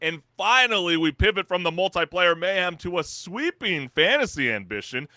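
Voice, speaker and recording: Bright, hyped male gaming host. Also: high-pitched, big pitch swings, moderate pace, no echo, clean studio sound. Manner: hyped, salesy delivery with many fillers. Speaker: podcast co-host. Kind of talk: upbeat gaming news chat.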